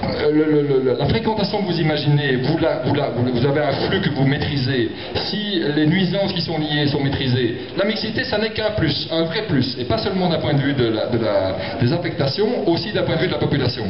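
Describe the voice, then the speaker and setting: Man, fairly high voice, developer at a meeting, repeats words as he explains, muffled sound. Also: expressive, a little fast, crowd noise. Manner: stammering repetitions, explanatory. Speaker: property developer presenting a project. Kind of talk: spontaneous argument at a public meeting. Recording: echoey, muffled hall with audience noise.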